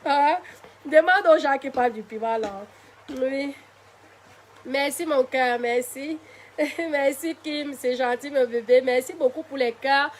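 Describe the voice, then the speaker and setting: A woman's voice: high-pitched, a little slow, a little hiss or hum. A woman with a Cameroonian French accent talking live to her viewers, defiant and tired, her voice still recovering. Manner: defiant, addresses viewers directly with pet names. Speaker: live-stream host. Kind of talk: casual live-stream monologue.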